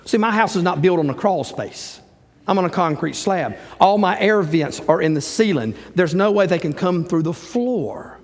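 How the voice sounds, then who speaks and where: High-voiced pastor preaching in a reverberant church. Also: male voice, moderate pace. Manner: animated storytelling preacher, acts out quoted dialogue. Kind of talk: sermon. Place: church sanctuary. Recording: church live stream with long hall reverb.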